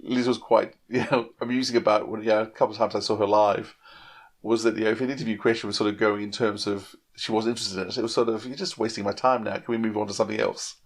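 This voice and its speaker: Talking fast in a steady tone with a fairly low pitch, this man rambles through a casual podcast chat as a panellist. He repeats words as he thinks his ideas through.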